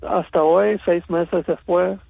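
A man from Miami with an American accent in his Cuban-rooted Spanish, telling personal stories as an interview guest, halting and slipping in English words. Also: high-pitched, steady tone, gravelly, breathy edge, no room sound, narrow, tinny audio. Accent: American-accented Spanish with Cuban roots. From Miami, United States.

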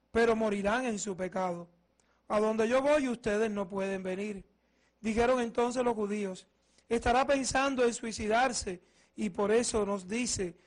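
High-pitched male priest at Mass. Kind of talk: Gospel reading and homily.

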